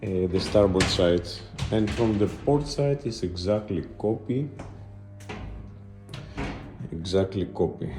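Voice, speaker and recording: A man narrating an unscripted video tour as a guide, halting and pausing between short phrases. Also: deep voice, animated, echoey room, over music.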